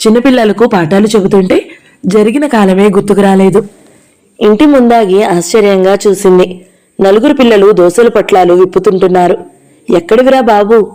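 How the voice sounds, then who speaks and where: Audio-novel narrator, steady storyteller, warm tone. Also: female voice, medium pitch, a little fast, low-quality recording. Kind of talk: reading a novel aloud.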